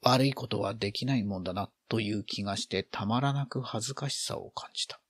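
A man's voice: lowish voice, brisk, fairly bright tone, breathy edge, no room sound. A man reading a literary story aloud, expressively acting out the feelings in the narration.

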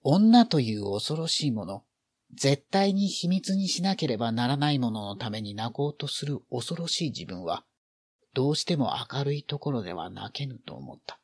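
A man's voice: mid-range voice, sing-song, moderate pace, a little mellow, husky, dry recording. A man reading a literary story aloud, expressively acting out the feelings in the narration.

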